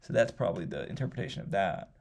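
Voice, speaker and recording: A young man talking quietly in his office with a grumbly vocal fry, rambling and hesitant in a casual solo monologue. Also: expressive, very fast. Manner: quiet, talking low to avoid being overheard. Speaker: podcaster.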